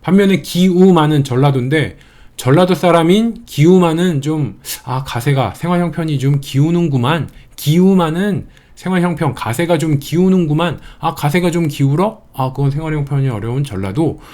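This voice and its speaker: A man's voice: fairly high pitch, expressive, normal speed, a little mellow. A man giving an exam-prep history lecture, chatty and playful, building mnemonic wordplay as he teaches.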